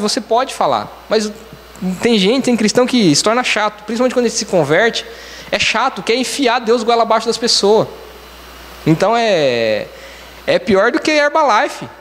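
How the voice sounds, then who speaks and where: A man's voice: high-pitched, big pitch swings, moderate pace, fairly bright tone, a little hiss or hum. A man with a Brazilian Portuguese accent preaching a conversational sermon as a church elder. He explains each point step by step in a plain teaching tone and keeps saying "então, assim.". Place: church hall. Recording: church hall with long reverb.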